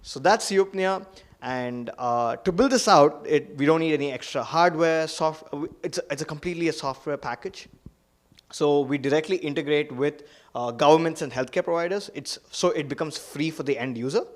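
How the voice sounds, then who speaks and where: A young man, a student entrepreneur, pitching his startup eagerly with many fillers like "like" and "uh". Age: young adult. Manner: quick, filler-heavy, eager explaining.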